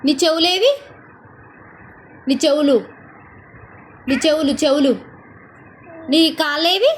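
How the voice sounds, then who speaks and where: A woman's voice: high voice, takes it slowly, slight background noise. A young woman, talking playfully to a baby in repetitive, coaxing, sing-song questions.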